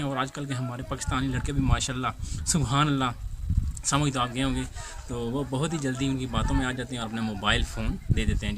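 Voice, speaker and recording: A medium-pitched man with a Pakistani accent tells a story informally as a host, halting, repeating himself and often asking rhetorical questions. The amateur recording is clearly noisy.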